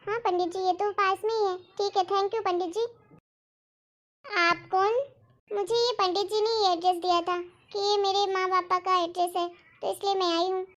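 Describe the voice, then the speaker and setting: Woman doing worried young bahu, very high voice, pleading a lot. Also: fairly even intonation, moderate pace, fairly bright tone. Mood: anxious. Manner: emotional, pleading. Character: young married woman, anxious, helpless daughter. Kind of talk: storytelling role-play.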